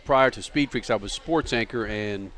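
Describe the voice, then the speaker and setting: Man, middle-aged, low pitch, measured, casual chat. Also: a bit bright. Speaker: guest, former radio and TV presenter. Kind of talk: casual chat over dinner.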